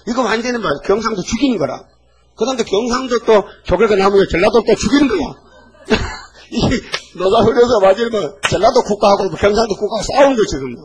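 An elderly male pastor in his eighties delivers a sermon with a voice sitting a little high for a man. He preaches in a lively, folksy manner, constantly pulling the listeners in with quick rhetorical questions. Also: low-quality recording. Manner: animated, folksy preaching with frequent rhetorical "eh?" checks.

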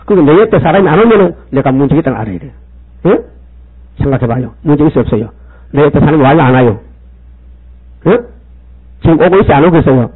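A man's voice: on the high side, lively intonation, quick pace, pauses often, slightly rough. A male pastor, preaching and scolding the congregation with rhetorical questions. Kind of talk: sermon. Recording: tinny phone-like sound.

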